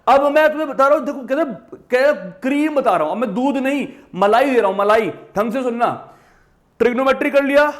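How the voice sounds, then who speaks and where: High-pitched guy teaching exam maths, punchy and repetitive, bits. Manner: emphatic, repetitive, addresses students directly. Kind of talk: exam-prep lesson.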